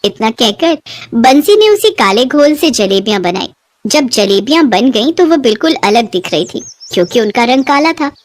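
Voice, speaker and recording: A woman narrating a scripted children's story. Her fairly high voice is clear and expressive, with steady storytelling. The recording is close and very dry. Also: moderate pace, no room sound.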